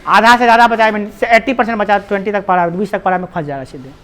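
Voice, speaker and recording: A man's voice: sits high, steady tone, fast talker, a bit bright, a little hiss or hum. A man teaching a maths class with a Bihari Hindi accent, talking with his students in a chatty, teasing way and cracking jokes between steps. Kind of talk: classroom lesson.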